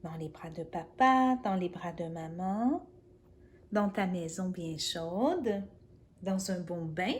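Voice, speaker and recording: A woman reads a children's picture book very slowly, taking her time over each phrase. She talks gently and coaxingly to the little listener, with faint noise in the background. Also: fairly low pitch. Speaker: children's storyteller.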